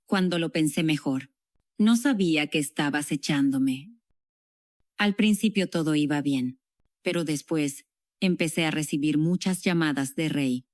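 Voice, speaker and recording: Low, slow-spoken woman recounting her past. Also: dry recording, studio quality. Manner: reflective, measured storytelling. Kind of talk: documentary testimony, dubbed voice-over.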